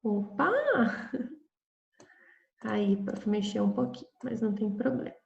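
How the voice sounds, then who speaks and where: Gentle Brazilian teacher in an echoey room. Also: female voice, mid-range voice, fairly even intonation, measured pace, gravelly, highs cut off. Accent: Brazilian Portuguese. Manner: gentle, patient, affectionate, explaining step by step. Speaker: primary school teacher. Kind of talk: recorded video lesson for children.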